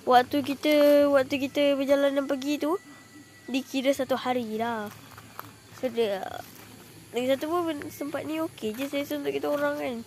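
At an outdoor campsite among trees, a young woman with a Malaysian Malay accent chats casually for a camping vlog, rambling with plenty of fillers. She holds her phone close at arm's length to record. Her voice sits high, with slight background noise.

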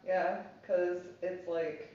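A woman's voice: lowish voice, little pitch movement, extremely slow. A woman speaking through a face mask, giving brief, easygoing replies as a test participant outdoors. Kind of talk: casual chat. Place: outdoors on a hot day. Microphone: distant camera mic. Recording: distant, echoey, dull with faint ambience.

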